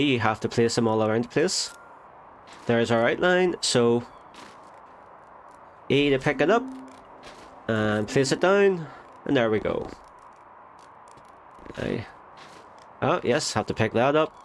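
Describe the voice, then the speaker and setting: Still nasal from a cold, the gaming host keeps up a chatty let's play, thinking out loud and fixing his own words as he goes. He speaks at a medium pitch, and there's slight background noise.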